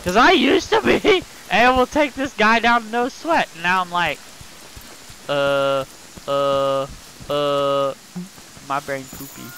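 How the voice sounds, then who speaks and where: A man streaming live gameplay who swears constantly and yells at the game as he plays. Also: sits high, slow pace, a little hiss or hum, rough recording.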